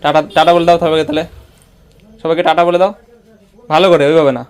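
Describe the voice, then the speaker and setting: A man's voice: on the high side, flat delivery, fast, smooth. A man filming a casual home vlog, teasing and coaxing a child in a playful way, often repeating his words. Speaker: vlogger.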